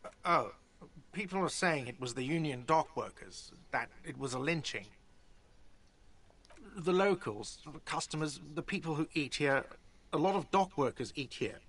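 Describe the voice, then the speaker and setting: An actor playing an irritable, whiny café manager in a video game, impatient and dismissive. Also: male voice, on the high side, lively intonation, normal speed, a bit bright. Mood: grudging.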